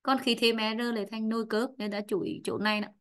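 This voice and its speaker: A woman's voice: on the high side, little pitch movement, fast. A woman English teacher with a Vietnamese accent, a native Vietnamese speaker, giving an online lesson, drilling words by saying each twice and explaining in her own language.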